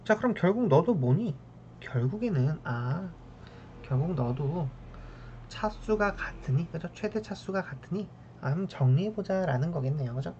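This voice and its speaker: Woman math teacher, low voice, keeps checking in with students, dull lo-fi recording with faint ambient noise. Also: expressive, normal speed, mellow. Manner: keeps checking in with a tag question after each step; talks to the math terms as if addressing them. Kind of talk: lecture working through problems.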